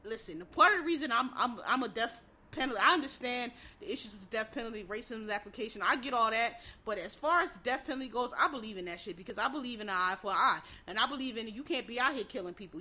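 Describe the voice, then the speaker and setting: A woman's voice: on the high side, pushed and bright. A woman talking in a casual opinion monologue as a podcast host, blunt, profane and heated, with emphatic repeated restarts.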